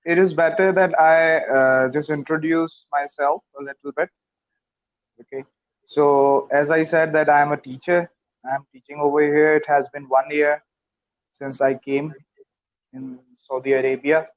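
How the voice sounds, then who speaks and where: A man's voice: on the high side, steady tone, unhurried, muffled recording. A man from Pakistan practicing English in an online conversation lesson, speaking hesitantly with many fillers and restarts. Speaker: student.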